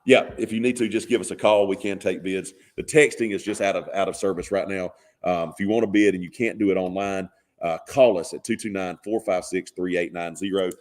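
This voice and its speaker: A man's voice: low voice, fairly even intonation, fairly quick, darkish tone. A man with a Southern US accent hosting a live charity auction on the radio, folksy and upbeat as he calls out bids.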